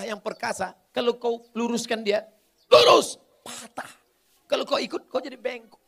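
A man preaching to a crowd, answering questions with jokes and building to fervent emphasis. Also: very high-pitched. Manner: rising to fervent emphasis, then joking asides. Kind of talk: humorous sermon.

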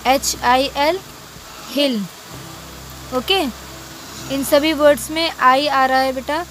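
A woman's voice: high voice, slight background noise. A young woman teaching a phonics lesson to small children, spelling words out letter by letter and calling the pupils "beta".

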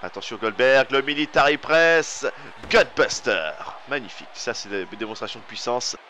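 A man with a French accent giving excited play-by-play commentary over a wrestling video game, rising to shouts on big moves. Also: mid-range voice, normal speed, slight background noise.

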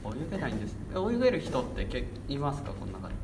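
A man's voice: medium pitch, huge pitch swings, quick pace. A man in his late teens chatting casually in a group, speaking politely. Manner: polite speech. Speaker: radio talk participant. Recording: distant mic with clear background noise.

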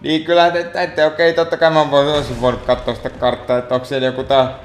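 A man's voice: fairly high pitch, level tone, faint music behind. A man giving gameplay commentary as a let's play host, muttering and grumbling at the game in an exasperated way. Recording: echoey room.

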